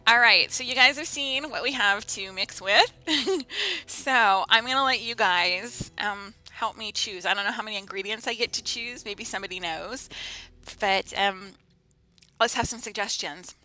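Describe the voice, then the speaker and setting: A woman's voice: mid-range voice, moderate pace, pushed and bright, low-quality recording. A woman chatting casually and playfully with viewers as she streams a video game, giggly in manner. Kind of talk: casual livestream game commentary and chat.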